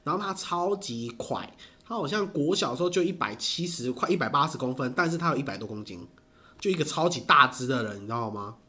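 A man, telling stories in casual chat, animated and laughing often. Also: mid-range voice, fast.

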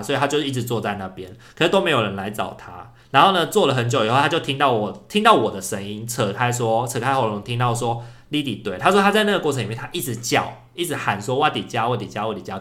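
A young man from Taiwan, a podcast co-host telling a story in casual chat, animated and acting out calls. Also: medium pitch, fast talker, few pauses. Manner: animated storyteller who acts out shouted calls.

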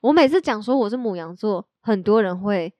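A woman's voice: medium pitch, animated, fairly quick, darkish tone, dry recording. Young woman, dry close sound. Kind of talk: casual chat.

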